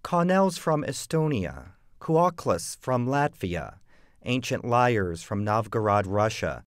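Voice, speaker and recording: A man narrating a TV feature story in scripted narration with an even, informative delivery. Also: medium pitch, slow, no room sound, studio quality.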